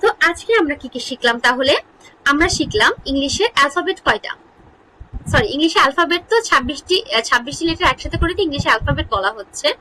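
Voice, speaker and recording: Lively high-voiced woman teaching a lesson. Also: slight background noise, low-quality recording. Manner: asks questions and answers them herself, repeats words slowly. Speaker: English grammar teacher. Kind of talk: online lesson explaining English spelling.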